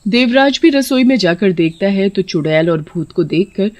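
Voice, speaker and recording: A woman narrating a cartoon horror story in a steady, plain way. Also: medium pitch, normal speed.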